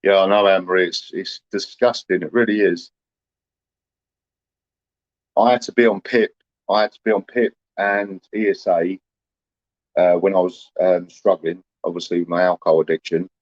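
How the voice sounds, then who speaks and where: A man's voice: deep voice, steady tone, moderate pace, long pauses, no room sound, highs cut off. A man, chatting casually to livestream viewers in a rambling, aggrieved way, full of "you know".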